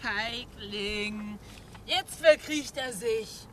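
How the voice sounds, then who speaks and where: A woman's voice: fairly high pitch, drawn-out words. A woman playing a jeering street agitator. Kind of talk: stage play performance.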